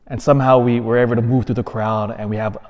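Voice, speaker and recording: Male priest mid-sermon, middle-pitched, earnest, swings between emphatic and hushed; big church reverb. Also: level tone, fast talker, muffled recording. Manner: earnest, builds to emphatic peaks then drops soft. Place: large church.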